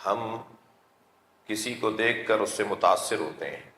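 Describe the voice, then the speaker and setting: Echoey preacher in a hall. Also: male voice, on the low side, a bit bright. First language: Urdu. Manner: measured, drawn-out phrasing, calls the audience to recite salutations. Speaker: Shia religious scholar giving a majlis lecture. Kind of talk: sermon. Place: gathering hall with an audience.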